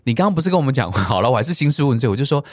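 A middle-aged man with a Taiwanese Mandarin accent, telling a story on his own podcast at a quick clip. His pitch leaps around a lot, and he throws English curses into the tale. The recording is close and dry, with no room sound. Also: dry recording. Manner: animated, mixes English swearing into his story. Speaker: podcast host.

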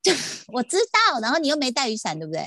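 A woman's voice: high voice, very animated, racing, pushed and bright, dry recording. A woman podcast host with a Taiwanese Mandarin accent, telling a story in casual chat and quoting others.

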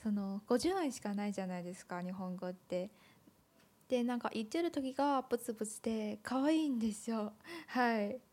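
A woman hosting a casual chat, a non-native speaker whose first language is Chinese, speaking politely and thoughtfully with gentle backchannels. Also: on the high side, normal speed. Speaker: host.

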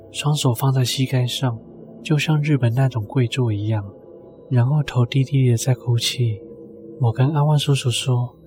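A man's voice: medium pitch, darkish tone. A man narrating a scripted first-person ghost story as a storyteller. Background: music.

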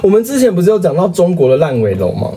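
A man's voice: high-pitched, very animated, quick pace, warm tone, husky. A man, co-hosting a podcast, who drops wry one-liners and then walks through a news story. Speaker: podcast co-host. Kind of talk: casual chat and news recap.

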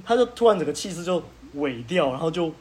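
A young man, hosting a podcast and telling a story in casual chat, animated and laughing as he goes. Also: a little high, fast. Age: young adult. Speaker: podcast host.

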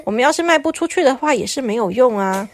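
A woman voicing a group of chatty talking toilets in a children's storybook, bickering and excitable. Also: a little high, quick pace, no room sound. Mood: scoffing. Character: chatty talking toilets, boastful then sulky.

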